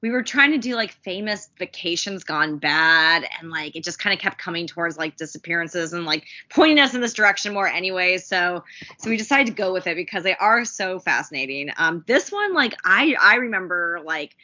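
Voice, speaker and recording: A woman's voice: lowish voice, animated, brisk, sharp tone, highs cut off. A woman chatting casually as the co-host of a podcast.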